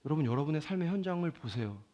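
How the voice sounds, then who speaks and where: A man preaches a sermon, his fairly high voice rising and falling with wide, lively swings. He moves from loud, pleading passages to quiet, confiding asides, the way a pastor speaks to his congregation. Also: rapid-fire, lo-fi sound.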